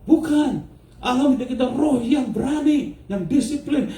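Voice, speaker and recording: A male pastor preaching a lively sermon, switching between Indonesian and English and putting questions to the congregation. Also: very high voice, moderate pace. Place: church hall. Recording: echoey church hall, mic at a distance.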